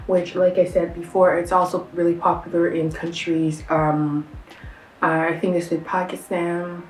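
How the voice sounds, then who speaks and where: A young woman from Canada talks through a casual food-tasting vlog, chatty and excited, full of fillers and slang. Her voice sits a little low. She is set back from the mic in a roomy, echoey space with faint noise behind. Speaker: vlogger. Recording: roomy sound, a bit far from the mic.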